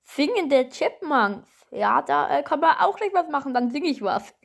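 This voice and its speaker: Casual podcast host, female, higher-pitched voice, slangy and giggly, rambles informally to followers. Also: big pitch swings, normal speed, vocal fry.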